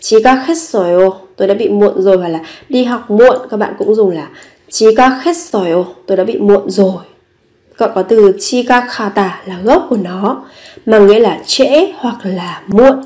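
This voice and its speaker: A woman's voice: medium pitch, brisk, mellow. A woman teaching a language lesson, patiently repeating each phrase and explaining it step by step. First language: Vietnamese.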